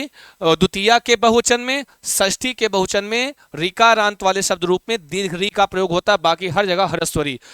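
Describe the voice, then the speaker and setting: A man's voice: high-pitched, pushed and bright, smooth, no echo, clean studio sound. A man teaching a live online class in a chatty way, repeating key points and quizzing his students.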